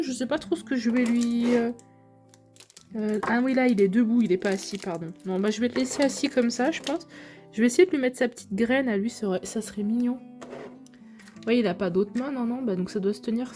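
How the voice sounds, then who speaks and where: Young woman, casual unboxing vlog, gushing and chatty, high-ish voice, soft music behind. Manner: gushing, chatty, addresses viewers directly. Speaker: YouTuber unboxing figures.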